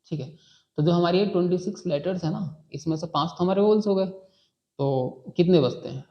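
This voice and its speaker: Mellow and high-voiced, a man teaches a beginners' English lesson at a fairly quick pace, staying patient, going over key words repeatedly and checking in with "ठीक है" as he goes. The recording has a dull, lo-fi quality.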